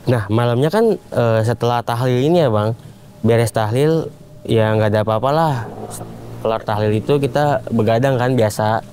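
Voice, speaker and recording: A man's voice: medium pitch, moderate pace, slight background noise. Young man telling a story in slang. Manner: animated retelling in casual Jakarta slang, acts out quoted voices. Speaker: guest storyteller. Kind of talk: casual storytelling.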